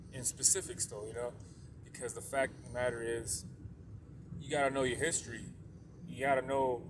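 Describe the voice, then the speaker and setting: A man talking through a religious lesson in a loose, rambling way, often tagging his sentences with "though" and circling back to repeat a point. His voice sits at an ordinary middle pitch. There is a faint hiss of noise behind him. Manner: rambling, heavy use of "you know" and a tag "though"; repeats points to stress them. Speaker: religious video presenter. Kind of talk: casual religious teaching monologue.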